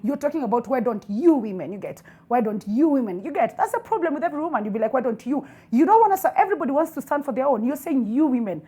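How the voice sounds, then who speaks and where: Fast, husky Kenyan woman debating. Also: high-pitched, lively intonation, mellow. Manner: insistent, repeats phrases for emphasis. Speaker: debate panelist on a TV talk show. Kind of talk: heated conversational debate.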